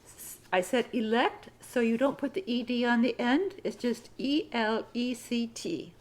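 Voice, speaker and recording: Lady teacher, slightly high voice, dictates real slow and spells stuff out. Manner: patient, spells words out letter by letter. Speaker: citizenship writing teacher.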